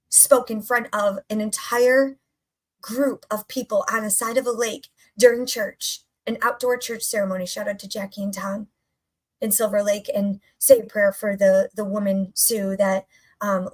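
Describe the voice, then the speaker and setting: Unhurried and flat in delivery, this woman's mid-range voice carries an enthusiastic, upbeat motivational talk. She's a health and mindset coach who speaks emphatically and repeats phrases for effect.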